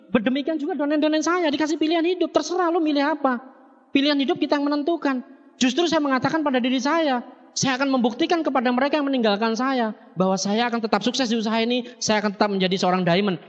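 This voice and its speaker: A man giving an energetic seminar speech on stage, constantly addressing his audience and joking as he tells stories. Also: extremely high pitch, fast talker. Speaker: motivational speaker at a business seminar. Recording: dull lo-fi tape in an echoey hall.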